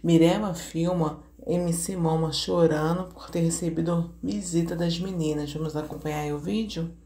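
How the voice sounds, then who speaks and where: A woman's voice: low-pitched, fairly even intonation, moderate pace, warm tone. A Brazilian woman narrating from a script as a channel host. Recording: roomy echoing voice-over.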